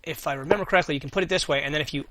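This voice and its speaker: A man's voice: fairly high pitch, rapid-fire, fairly bright tone. A man giving casual gameplay commentary as host, thinking aloud and answering his own questions as he goes. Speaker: gaming video host.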